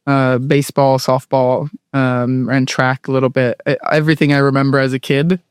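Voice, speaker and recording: With a mid-range voice, level tone, and normal speed, a guest in their late twenties talks casually during an interview. The sound is smooth, dry, and studio quality, while the speaker, an American-accented Southern Californian, laughs easily and leans on "like" and "um."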